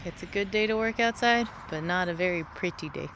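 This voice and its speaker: A woman giving a casual, rambling garden tour in an offhand, self-deprecating way, recorded outdoors with a tractor rumbling behind her. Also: a little fast. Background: tractor rumbling, vehicle noise.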